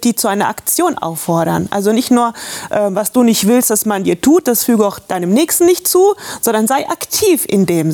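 A woman's voice: medium pitch, warm tone. A woman in a casual Bible discussion, speaking emphatically and urging the listener to act. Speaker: discussion participant.

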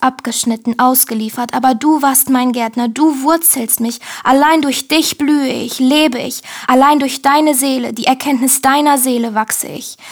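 A woman reciting devotional spoken-word poetry, slow and intimate, often sinking into whispers. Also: on the high side. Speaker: poet reciting devotional verse.

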